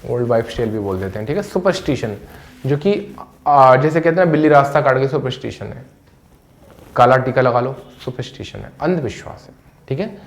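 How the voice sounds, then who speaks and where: A man's voice: mid-range voice, animated, fairly quick. A man teaching English vocabulary in a Hindi-accented voice, repeating each word several times in front of a classroom board. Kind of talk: vocabulary lesson to camera.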